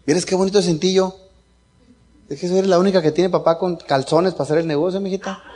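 Mexican dad telling a funny story, kinda high voice, laughs a lot. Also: male voice, steady tone, a little fast, darkish tone, slight background noise. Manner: joking, chuckling storyteller. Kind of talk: casual anecdote.

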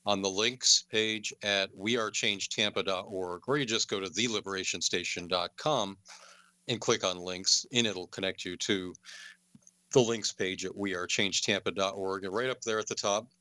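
A man hosts a call-in radio show in a low yet bright, forward voice. He rambles along with many filler uhs and slips in sarcastic asides. The sound is dry and close, with no room around it. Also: fairly even intonation, moderate pace, no room sound.

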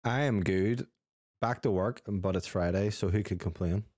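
A man's voice: low voice, normal speed, darkish tone, no echo, clean studio sound. A man co-hosting a casual banter podcast, teasing and cheeky, swearing freely. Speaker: podcast co-host.

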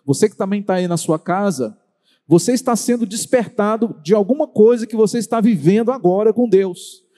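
Brazilian man, pastor preaching a sermon, high voice, dark mellow tone, long hall echo. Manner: preaching with slow, drawn-out emphasis and direct questions to the congregation. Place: church hall. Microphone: handheld or stand microphone. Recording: long reverb of a church hall.

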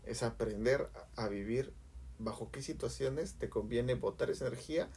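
Husky man giving easygoing advice. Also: medium pitch, normal speed, darkish tone. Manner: reflective, advice-giving, many restarts. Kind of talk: casual podcast chat.

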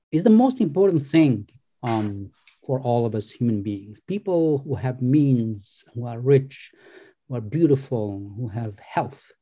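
A man from Algeria hosting a remote interview, speaking hesitantly with many pauses and restarts. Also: medium pitch, warm tone. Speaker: podcast host interviewer. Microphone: video call.

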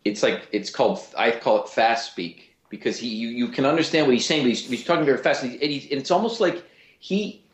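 A man's voice: mid-range voice, a little fast. A man from Cleveland, a voice actor, talking animatedly as an interview guest, often restarting his sentences. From Cleveland, USA. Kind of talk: casual interview talk. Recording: roomy lo-fi recording.

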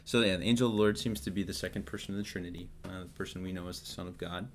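A man co-hosting a podcast, casually teaching Bible stories with jokes and quick acted-out quotes. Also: low-pitched, a little hiss or hum. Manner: relaxed, joking, acts out quotes. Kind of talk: casual Bible study chat.

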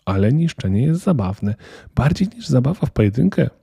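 A man's voice: medium pitch, big pitch swings, a little fast, vocal fry, dark tone, husky, no room sound, studio quality, voice pushed up, full character voice. A man voicing a spoiled, defiant eight-year-old girl who talks in a cold, smug, self-assured way.

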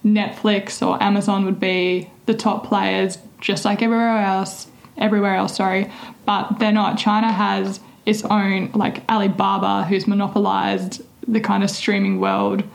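A woman's voice: medium pitch, level tone, moderate pace, vocal fry. A woman co-hosting a podcast in casual, playful chat. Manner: chatty, laughing, playful. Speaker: podcast co-host.

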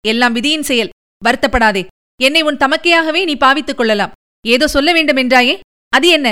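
A woman's voice: high voice, bright, forceful tone. A woman reading the part of a composed royal princess in an audiobook, speaking firmly and with dignity. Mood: dignified. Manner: dignified, firm, measured.

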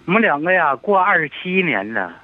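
A man's voice: a little high, sing-song, fairly quick. Hesitant 70-year-old man on a tinny phone line. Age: 70s. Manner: hesitant, troubled. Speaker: caller. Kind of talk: phone-in call.

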